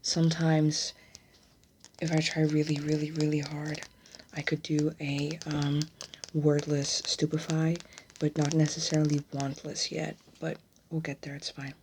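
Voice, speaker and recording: A woman in an ASMR role-play as a gossipy, bookish young witch student, speaking in a hushed, halting, conspiratorial way as if sharing a secret. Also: low-pitched, monotone, slight background noise.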